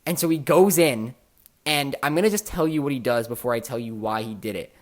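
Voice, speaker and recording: A man hosting a casual podcast, telling stories in an animated way and swearing often. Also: medium pitch, fairly quick. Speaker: podcast host.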